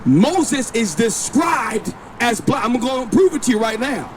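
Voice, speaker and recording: Loud street traffic and passing vehicles surround a man preaching outdoors in the city, who insistently explains scripture and tells a companion to read. He speaks unhurriedly in a very high-pitched, animated voice.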